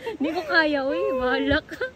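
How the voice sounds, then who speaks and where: A woman's voice: high voice, moderate pace, over a noisy crowd. A woman filming her friends at an outdoor adventure park, cheering and laughing as she talks. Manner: cheers, shouts and laughs often. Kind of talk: excited casual cheering. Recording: loud outdoor noise, phone video.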